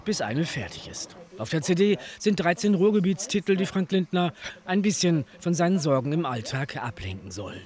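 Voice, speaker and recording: A man's voice: on the high side, sing-song, normal speed, darkish tone. A man narrating a television news report as a voice-over.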